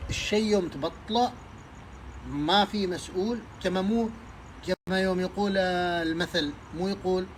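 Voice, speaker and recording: A man's voice: high voice, a bit bright, slight background noise, poor audio. A man giving emphatic advice to parents, preaching with many rhetorical questions. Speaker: social media speaker giving advice to parents. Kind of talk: impassioned advice monologue.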